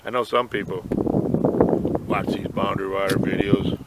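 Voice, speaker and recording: A man's voice: low-pitched, steady tone, normal speed. An older man chatting in a rambling, folksy way while filming a fishing trip on a lake. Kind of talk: casual outdoor vlog. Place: outdoors on a boat on a lake. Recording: noisy outdoor camera audio, wind and water.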